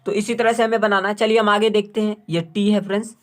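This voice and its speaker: A man's voice: high-pitched, little pitch movement, fast talker. A male English grammar teacher giving a tutorial lesson. He repeats each phrase, asks and answers his own questions, and spells words letter by letter.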